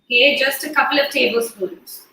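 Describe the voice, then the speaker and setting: A woman's voice: sits high, moderate pace, sharp tone. A woman hosting a live cooking demonstration from her kitchen. She talks through each step in a chatty, friendly way. She sits a little away from the phone or laptop mic, and her voice is heard through a heavy echo, like a big hall. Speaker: cooking host. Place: home kitchen on a video call. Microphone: phone or laptop mic set a little away from her. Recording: very echoey room with faint hiss.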